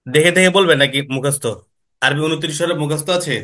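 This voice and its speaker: A male Quran teacher patiently guides a student through pronunciation on an online lesson. His voice is bright and sits a little high. He speaks in short, clear instructions. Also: quick pace. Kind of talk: online tutoring. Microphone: online call.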